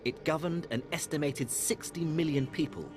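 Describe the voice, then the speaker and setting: A middle-aged man from Iraq, presenting a documentary in a measured, storytelling narration. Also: a little high. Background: music.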